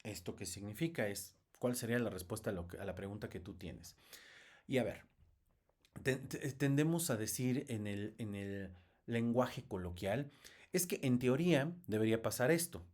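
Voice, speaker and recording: A man's voice: fairly low pitch, normal speed, darkish tone. A man teaching research methods in a recorded lecture, explaining step by step with frequent fillers and restarts.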